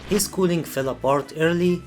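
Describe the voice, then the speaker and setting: A man reading scripted video essay narration in a serious, measured storytelling manner. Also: a little high, darkish tone, soft background music.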